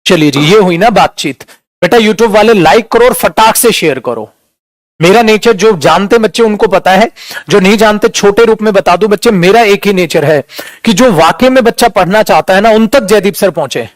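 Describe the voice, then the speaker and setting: A man's voice: high-pitched, expressive, moderate pace, dry recording. A man teaching an online English class in a casual lecture style, calling students beta and dear and demonstrating pronunciation.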